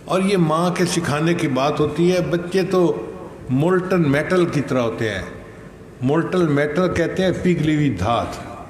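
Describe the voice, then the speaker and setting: An older man giving a slow, measured sermon, telling stories and reciting Arabic verses. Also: a little high. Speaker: religious scholar. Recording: echoey hall with faint noise.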